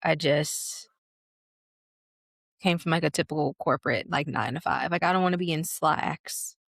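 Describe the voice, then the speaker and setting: Gravelly-voiced easygoing woman in her twenties. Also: deep voice, normal speed, a bit bright, no echo, studio quality. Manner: easygoing, agreeable, lots of "like". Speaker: podcast co-host. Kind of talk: casual chat.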